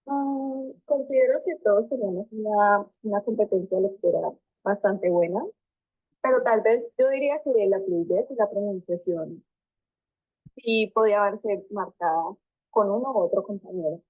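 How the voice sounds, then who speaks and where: A woman's voice: medium pitch, normal speed, no room sound. A young woman student answering interview questions thoughtfully, hesitating with many fillers. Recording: tinny phone-like call audio.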